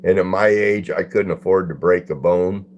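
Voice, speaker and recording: A man's voice: low voice, fairly even intonation, moderate pace, a little mellow, lo-fi sound, a little hiss or hum. An older man hosting a live stream, chatting in a folksy way and greeting viewers by name as he reads their comments. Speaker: livestream host. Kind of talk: casual live-stream chat reading comments.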